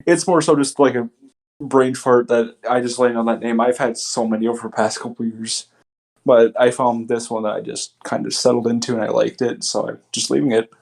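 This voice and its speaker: A man with a gravelly, creaky edge to his voice, chatting as an interview guest. His delivery is laid-back and blunt, and he swears without much thought. His pitch sits right in the middle. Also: level tone, brisk, darkish tone. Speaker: guest, battle rapper. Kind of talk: casual interview chat.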